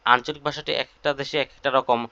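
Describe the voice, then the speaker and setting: A man's voice: mid-range voice, fairly even intonation, fast talker, bright, forceful tone, no echo. A man instructor explaining an online class at length, reassuring students with many fillers. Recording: dry, dull lo-fi sound.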